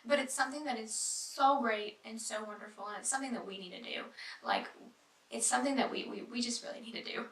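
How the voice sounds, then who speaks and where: A young woman giving a casual devotional Bible study, talking earnestly with lots of fillers and dropping into soft, whispery asides. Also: a little high, fast. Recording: echoey room, mic at a distance.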